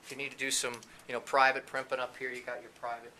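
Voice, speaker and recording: A bright, forceful man with a mid-range voice talks fast and flatly while giving a casual walking tour of a video production facility. As CEO and presenter of a training company, he keeps it informal, chatty and off-the-cuff, with light background noise and room ambience.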